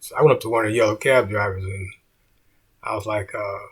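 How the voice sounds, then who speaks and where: A man's voice: fairly low pitch, steady tone, a little fast, fairly bright tone, husky. A middle-aged man, a comedian, telling a story in a laid-back way and saying "man" often.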